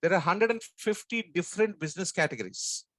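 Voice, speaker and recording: Higher-pitched older man, strong Telugu accent. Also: expressive, fairly bright tone, no room sound, clean studio sound. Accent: strong South Indian Andhra Telugu. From South India, Andhra. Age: 59, about sixty. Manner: emphatic, rhetorical questions, short deliberate phrases. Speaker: sales trainer and business coach. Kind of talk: motivational training talk to an audience.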